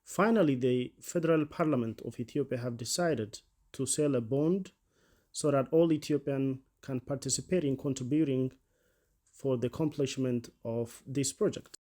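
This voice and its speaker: A man presenting and narrating a scripted explainer in a formal, measured way. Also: mid-range voice, warm tone.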